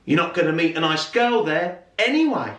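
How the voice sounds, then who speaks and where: A man's voice: on the high side, very animated, normal speed, a bit bright, voice pushed up. A man storyteller voicing his weary, wry mother. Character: dry, weary mum, middle-aged woman. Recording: roomy, from far off.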